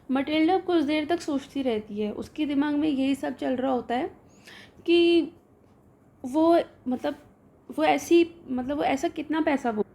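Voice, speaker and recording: A young woman teacher with an Indian English accent, reading a story aloud slowly and then explaining each line conversationally. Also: high-pitched, vocal fry, warm tone. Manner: switches between reading English text slowly and explaining in Hindi.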